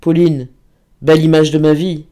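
A man's voice: a little high, flat delivery, moderate pace, warm tone, natural voice. A man reading aloud and voicing a feverish, tormented young man near death in a storybook. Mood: grave. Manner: anguished, urgent.

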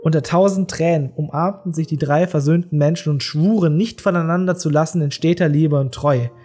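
A narrator reads a classic tale in a measured, expressive way at a mid pitch. Faint music plays beneath the voice. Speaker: audiobook narrator. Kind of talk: scripted literary narration.

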